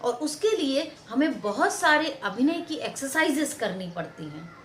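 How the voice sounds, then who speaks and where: Expressive woman lecturing on acting. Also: high voice, unhurried, echoey room, a little hiss or hum. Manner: expressive, acts out example lines and stresses; repeats phrases for emphasis. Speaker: theatre and film actor giving a lecture.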